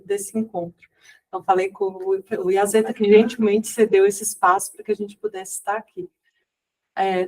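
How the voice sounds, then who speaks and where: Woman producer opening an event, mid-pitched, loose and rambling delivery, distant mic. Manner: rambling, with many fillers and restarts. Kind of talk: event introduction. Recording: voice heard from a distance.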